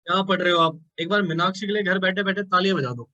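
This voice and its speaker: A man's voice: high voice, steady tone, fast, bright, forceful tone, no echo. Young indian guy teaching a live online class, mixes hindi and english, keeps calling on students, kinda muffled audio. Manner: mixes Hindi and English, coaxing students to answer, calls them beta. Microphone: live class recording. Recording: dull lo-fi sound.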